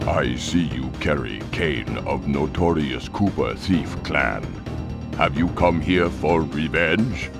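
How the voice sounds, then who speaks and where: Panda King, very deep and slow. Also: exaggerated voice. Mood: menacing. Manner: grandiose, formal, threatening. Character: menacing male panda crime boss, proud and cruel. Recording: game soundtrack music behind.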